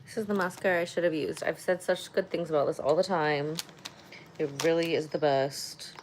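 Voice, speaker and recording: A woman's voice: sits low, steady tone, normal speed, a little hiss or hum. A woman talking casually and candidly as a beauty vlogger, muttering little reassurances to herself as she gets ready. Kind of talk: casual get-ready-with-me chat. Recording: music playing behind the voice.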